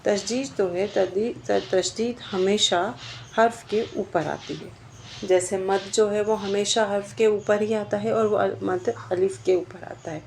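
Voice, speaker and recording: A woman teaching a grammar class to students, with a gravelly, fry-tinged voice. She explains each point step by step and keeps asking questions that she answers herself. Faint background noise sits under her voice. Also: medium pitch, fairly even intonation, a little mellow. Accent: Indian Urdu. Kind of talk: grammar lesson.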